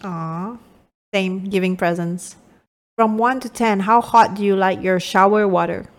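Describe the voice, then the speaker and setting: A woman's voice: mid-range voice, unhurried. A woman co-hosting a podcast in casual chat, laughing often. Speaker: podcast co-host.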